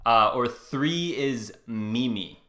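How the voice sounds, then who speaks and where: A man hosting a casual reaction commentary, chatting loosely to his live viewers in quick bursts. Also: medium pitch, lively intonation, sharp tone. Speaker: host reacting to a debate video.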